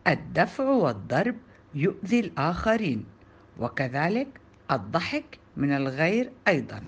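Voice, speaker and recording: A woman's voice: deep voice, sing-song, moderate pace, breathy edge, voice pushed down, heavily acted. Woman doing a kind kindergarten teacher. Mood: reassuring.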